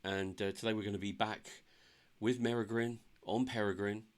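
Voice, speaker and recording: A man with a low voice opens his game stream in a relaxed, chatty way. He talks upbeat but sounds a bit tired, and his talk is full of ums and restarts. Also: normal speed. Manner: chatty and upbeat, with many fillers. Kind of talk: casual live-stream chat.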